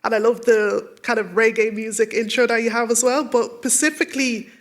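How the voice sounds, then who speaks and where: This young adult woman, an event moderator and broadcaster, runs a live book-festival talk from the stage, offering upbeat and polished guest introductions. Her voice is a little high, and she speaks fairly quickly with fairly even intonation.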